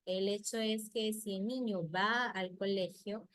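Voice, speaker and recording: A middle-aged woman, a speech therapist giving a lively health talk on child language. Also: mid-range voice, measured pace, dry recording. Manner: lively, acts out parents' and children's voices.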